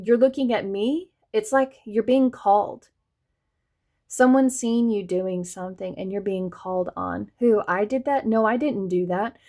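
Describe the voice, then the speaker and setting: Addressing viewers head-on, a tarot reader from the American South offers a chatty reading in a darkish, mid-range voice with a light Southern accent. Laughter comes often.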